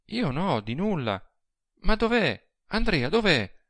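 A man's voice: on the high side, big pitch swings, slow, sharp tone, no echo, pitched above the performer's own voice, heavily acted. A man reading an audiobook, voicing a small, frail young woman who pleads anxiously.

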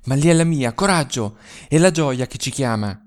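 A man's voice: mid-range voice, animated, moderate pace, lightly acted. A man reading the lines of a resolute young lover in a story, speaking urgently and insistently with a raised voice.

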